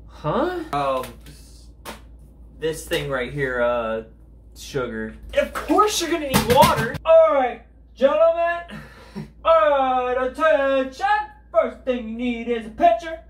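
Filming in his kitchen on a camera mic, a young cooking video host keeps things goofy and jokey, now and then bursting into loud mock commands. His very high-pitched, expressive voice takes it slowly, and the roomy sound carries a little hiss or hum.

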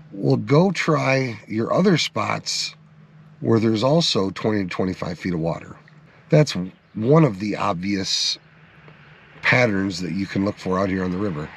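A man's voice: fairly low pitch, slight background noise. A man hosting an outdoor fishing report, giving tips in a folksy, instructive way and calling his viewers "guys.". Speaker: fishing channel host. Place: outdoors on or by the river.

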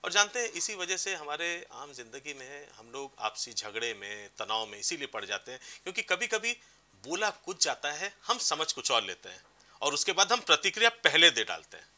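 A man's voice: a little high, sing-song, moderate pace, sharp tone. A man giving advice as a career counselor on a TV talk show, explaining with examples. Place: TV studio.

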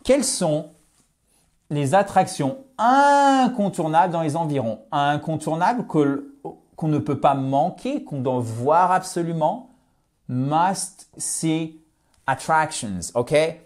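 Slow, careful male English teacher. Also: on the high side, a little mellow. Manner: slow, deliberate model phrases with explanations. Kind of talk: French-language English lesson.

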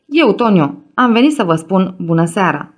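A woman's voice: medium pitch, very animated. A woman reading an audiobook, voicing an agitated young man on crutches who talks in a strained, breathless way. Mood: frantic.

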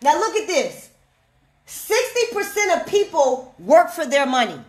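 Woman online money coach, high-pitched, slow emphatic delivery, preachy and passionate. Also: very animated. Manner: emphatic and preachy, repeats lines slowly, calls out "hello?". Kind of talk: fired-up direct-to-camera rant.

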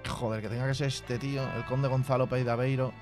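A man's voice: medium pitch, level tone, fast talker, music in the background. A man giving casual, profanity-laced commentary while playing a strategy game. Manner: chatty, swears freely, reads game text aloud. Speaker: gaming youtuber. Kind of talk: casual let's play commentary.

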